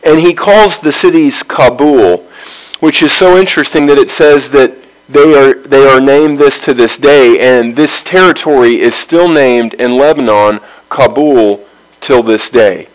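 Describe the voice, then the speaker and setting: A man leading a Bible study, reading scripture aloud and then explaining it verse by verse in a measured way, with pauses between phrases. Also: medium pitch, low-quality recording.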